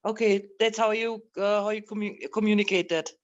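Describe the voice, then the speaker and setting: A participant on a video call asking pointed questions in a somewhat halting way. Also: mid-range voice, fairly even intonation, muffled recording. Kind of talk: questions in an online meeting.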